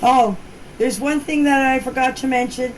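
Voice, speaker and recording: In noisy voice-message clips with background ambience, a woman gives a casual, rambling personal account in plain, folksy words. Her voice is high, her tone steady, and her speed normal.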